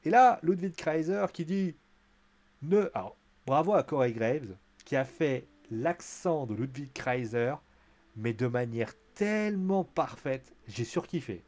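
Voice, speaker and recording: A chatty man talks through a wrestling show in a loose, conversational recap. His pitch jumps around a lot, and he leans on fillers. He often slips into a raised voice to act out what the wrestlers said. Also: expressive, a little slow, darkish tone. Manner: chatty, lots of fillers, acts out quotes in a raised voice. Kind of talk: casual spoken recap.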